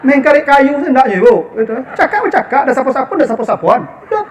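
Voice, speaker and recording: A male preacher with a Minangkabau accent delivers a sermon in a high, ringing voice. He talks in an animated, joking way and keeps calling out to the women in front of him. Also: brisk. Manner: animated, humorous, addressing the women as "ibu".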